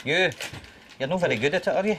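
A man's voice: a little high, quick pace. A middle-aged man with a broad Scottish accent from Glasgow, a paramedic talking in a familiar, reassuring and teasing way. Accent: broad Glaswegian Scottish. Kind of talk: casual reassuring talk with a patient. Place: on calls, in ambulance and a home. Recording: noisy ambulance, vehicle and siren sounds.

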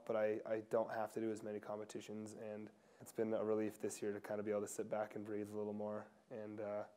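A young man answering interview questions in a casual, soft-spoken way, with fillers and restarts, seated in an indoor lodge room. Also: on the low side, clean tone. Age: young adult. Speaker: pro skier interviewee.

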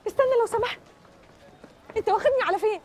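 An actress with an Egyptian accent playing a frantic young woman searching for her lost little brother, pleading and quick to snap back. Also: very high-pitched, darkish tone. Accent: Egyptian Arabic.

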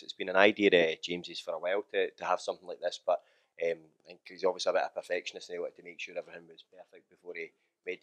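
A man in his thirties, an MMA fighter, answering interview questions in a relaxed way with many fillers, recorded indoors in a small gym room on a handheld mic. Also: sits low. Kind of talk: post-training interview. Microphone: handheld mic held close.

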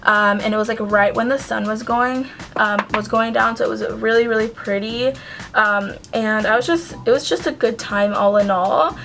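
A young adult beauty vlogger does a makeup tutorial at home in a small indoor room with shelves, filmed by a close-range camera. Her fairly high voice is steady, bright-ish and creaky at normal speed, and she chats casually with lots of ums and likes while giving earnest advice.

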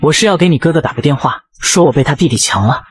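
Man narrator putting on a brash, foul-mouthed young tycoon, quick and husky, lower voice. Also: lively intonation, no echo, studio quality. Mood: angry, scornful. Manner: cursing, sneering threats. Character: hot-tempered rich young man, foul-mouthed and vengeful. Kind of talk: comic narration voicing.

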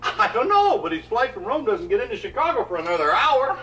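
An older actor playing a gentle, joking father and grandfather. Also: very high-pitched, sing-song, fairly quick, slight background noise, exaggerated voice, rough recording. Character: gentle, good-humored family patriarch. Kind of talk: 1970s TV movie acting.

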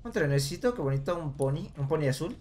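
A man's voice: fairly high pitch, animated, fast talker, darkish tone. A man, casually commenting on a game as he plays, talking to his viewers and thinking aloud. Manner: casual, talks to viewers while puzzling aloud. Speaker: gameplay commentator. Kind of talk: let's play commentary.

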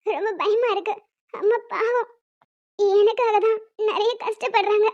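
A woman's voice: very high voice, fairly even intonation, fast, dark tone, no echo, highs cut off. A woman voicing an anxious young female college student in a cartoon, talking in a tearful, pleading way. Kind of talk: cartoon voice acting.

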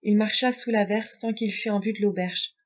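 Female audiobook narrator, measured, little pitch movement, dull lo-fi recording. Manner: measured, even storytelling. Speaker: audiobook reader.

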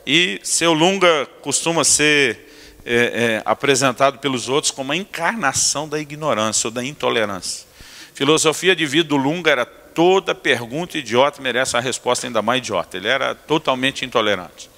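Bright-voiced pastor in a reverberant church. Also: male voice, mid-range voice, normal speed. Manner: animated, acts out family scenes with comic asides. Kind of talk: humorous sermon storytelling. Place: church sanctuary. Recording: long reverb of a church hall.

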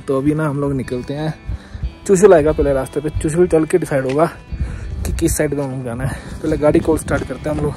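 A man's voice: on the high side, poor audio. Chatty man vlogging outdoors over music. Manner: chatty, coaxing the car along. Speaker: travel vlogger. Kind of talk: casual vlog narration. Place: outdoors by a parked car in the cold. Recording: background music under the voice.

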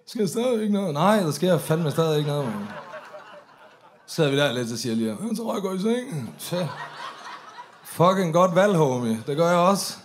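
A man's voice: on the high side, pauses often. Swearing man telling a story. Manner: swearing, animated, acts out drunk voices. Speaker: comedian telling a story on stage. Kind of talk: stand-up storytelling.

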